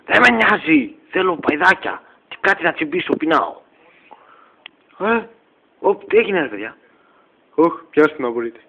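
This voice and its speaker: A man runs through a comic parody, putting on one silly character voice after another with a teasing edge. His voice sits a little high. The sound is dull and lo-fi, like a cheap home mic. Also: big pitch swings, pauses often. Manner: switches between put-on comic voices, teasing. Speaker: parody voice actor. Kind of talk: comic parody dub, voicing many characters.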